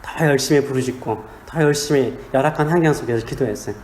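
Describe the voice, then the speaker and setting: A man's voice: medium pitch, quick pace, a little mellow, slight background noise. A man, a pastor, preaching a sermon in a small church, with humor and questions put to the congregation. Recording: echoey church sanctuary.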